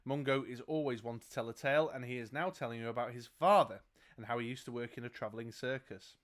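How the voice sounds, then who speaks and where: A man's voice: medium pitch, fairly even intonation, quick pace. A man reading a fantasy gamebook aloud as game master, laughing and joking between passages. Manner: laughs often, jokes between read passages.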